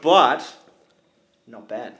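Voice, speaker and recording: A man's voice: mid-range voice, lively intonation, drawn-out words, a bit bright, echoey room. A man, co-hosting a podcast and teasing his friends in casual chat. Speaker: podcast co-host.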